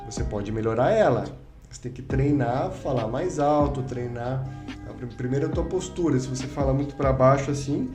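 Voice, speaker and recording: A man's voice: medium pitch, darkish tone, echoey room. A man hosting a podcast, teaching public speaking in a didactic way and acting out his students' complaints. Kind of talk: instructive podcast talk. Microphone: studio microphone.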